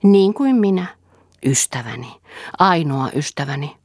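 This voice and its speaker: A woman's voice: low-pitched, lively intonation, a little mellow, no echo, clean studio sound. A woman reading the part of a passionate, proud young woman in a literary audiobook, with an impassioned delivery. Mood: fervent.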